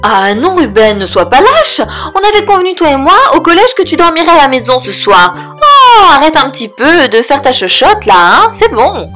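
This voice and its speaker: A woman's voice: high voice, sing-song, normal speed, hardly any pauses, sharp tone, faint music behind, heavily acted. A woman voicing a bossy little girl piglet in a cartoon, chatty and emphatic. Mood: scolding. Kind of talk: cartoon toy-play story.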